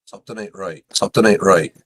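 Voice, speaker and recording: A man's voice: sits low, quick pace, background noise. A man hosting a casual livestream, his blunt, cursing talk doubled back at him as an echo with a short delay. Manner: blunt, cursing, repeats himself. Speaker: show host.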